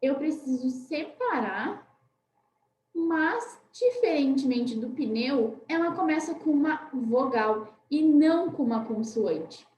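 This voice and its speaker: A Brazilian woman teacher giving a recorded class for young children, patiently spelling words out slowly and often checking in with "né?". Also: sits high, lively intonation, a little mellow, roomy sound, rough recording. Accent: Brazilian Portuguese. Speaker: primary school teacher.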